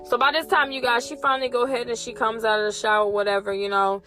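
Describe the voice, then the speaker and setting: Brief: young woman podcaster, higher voice, animated and profane storyteller, faint music behind. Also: fast. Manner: profane, animated, talks straight to listeners. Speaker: podcast host. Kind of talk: casual storytelling.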